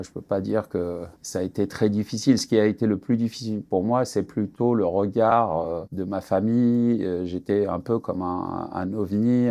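Deep gravelly-voiced painter in his sixties. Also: warm tone. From born in Algeria, grew up in France. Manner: unhurried, many hesitations. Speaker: painter, interview guest. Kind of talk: radio interview.

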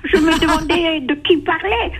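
A woman's voice: very high voice, moderate pace. A woman in her eighties with an Algerian pied-noir accent, calling in to a radio show and telling her story hesitantly and with emotion. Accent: Algerian pied-noir French. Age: 80s. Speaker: caller. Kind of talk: phone-in chat. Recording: dull phone-in line.

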